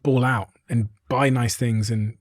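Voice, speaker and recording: A man's voice: medium pitch, fairly even intonation, measured pace, no room sound, studio quality. A man from the United Kingdom, hosting an interview and asking questions in a casual, conversational way. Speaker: podcast host.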